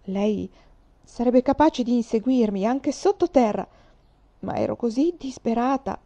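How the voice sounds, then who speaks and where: A cocky orphan girl of about twelve, voiced high and bright above the reader's own tone by a woman reading a storybook aloud. She brags and curses with a defiant edge, and the audio comes across slightly dull and lo-fi. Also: animated, measured pace. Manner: defiant, brash, cursing.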